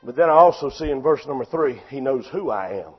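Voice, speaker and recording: A man preaching a sermon, impassioned and often shouting, with a repetitive preaching cadence. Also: mid-range voice, expressive, fairly quick, breathy edge, lo-fi sound.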